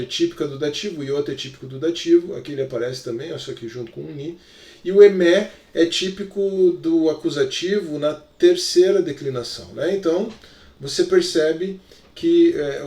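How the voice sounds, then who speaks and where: A slightly high, darkish male voice belongs to a Greek teacher with a Brazilian Portuguese accent. Captured distantly in an echoing room, he walks through a recorded lesson in an explanatory manner, scattering little check-in fillers throughout.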